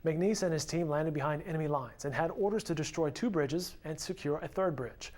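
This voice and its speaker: A man's voice: fairly high pitch, brisk, a little mellow. A man reading scripted news narration as a reporter, in a feature story. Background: music.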